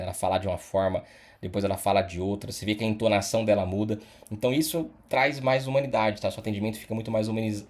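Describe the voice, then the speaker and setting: Low-voiced man explaining casually. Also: a little mellow. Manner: casual, explanatory, frequent "tá?" and "né?" tags. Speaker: online course instructor. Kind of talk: screen-recorded tutorial.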